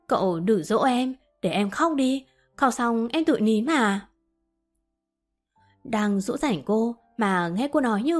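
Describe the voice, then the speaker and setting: A woman reads a romance novel aloud at a middle pitch, her tone gentle and steady. She carries both lovers' dialogue in her own voice while soft music plays faintly behind her. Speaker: audiobook narrator. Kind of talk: scripted narration of a romance novel.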